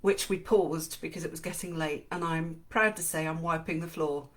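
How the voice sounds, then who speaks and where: Speaking at a moderate pace with a steady tone, this co-host of a live-streamed book podcast has a deep, slightly bright voice. She's a middle-aged woman with an English accent, from England and Switzerland, chatty, self-mocking and quick to laugh.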